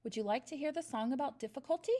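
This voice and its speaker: A woman's voice: high-pitched, racing, dark tone, voice pushed up. A woman voicing a brave, eager little schoolboy who pipes up. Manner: piping, eager.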